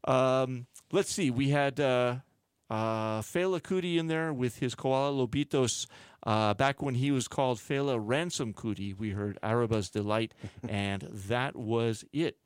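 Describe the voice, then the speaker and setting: A man's voice: medium pitch, unhurried, clean tone, no room sound. Laid-back male radio DJ. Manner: relaxed, rambling, many fillers. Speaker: radio DJ host. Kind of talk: casual radio chat and back-announcing.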